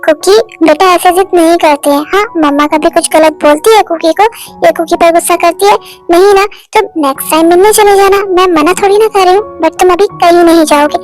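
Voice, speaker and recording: Someone doing a sweet young auntie, very high voice, soothing and soft, fan dub. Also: fairly even intonation, brisk, soft background music, poor audio. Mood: coaxing. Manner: coaxing, soft. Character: gentle young aunt, soothing and kind. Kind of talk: amateur Hindi fan dub.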